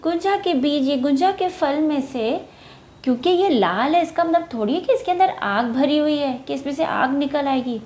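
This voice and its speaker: A woman's voice: high-pitched, expressive, normal speed, darkish tone, voice pushed up. A woman voicing a small, meddling female bird who urgently pleads with others to listen to her advice. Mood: worried.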